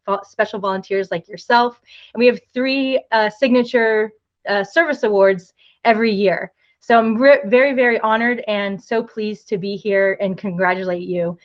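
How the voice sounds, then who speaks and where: Excited woman on a video call, kinda high voice, dull muffled audio. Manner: upbeat, enthusiastic, reads a list quickly. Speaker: state office director presenting an award. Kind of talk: virtual ceremony remarks. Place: home or office on a video call.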